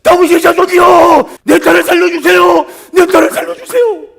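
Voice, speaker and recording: A man playing a desperate foreign mother who begs at full volume for her daughter's life, his voice shrill and wailing. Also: flat delivery, normal speed, vocal fry, fairly bright tone, full character voice. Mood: wailing plea. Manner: high, shrill, wailing cries.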